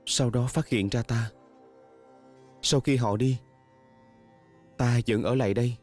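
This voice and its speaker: This man's voice is medium-pitched, slow and darkish, with fairly even intonation. Dubbing a fantasy drama with music behind him, he plays a self-blaming, devoted young male spirit in an earnest, solemn and sorrowful way.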